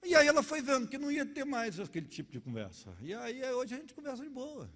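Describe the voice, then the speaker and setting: A middle-aged man with a Carioca accent, a pastor preaching a sermon and telling stories with lively, acted-out scenes. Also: very high voice, quick pace. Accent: Carioca Portuguese. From Rio de Janeiro. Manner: animated storytelling, acting out quarrels. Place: church hall. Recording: long church hall reverb.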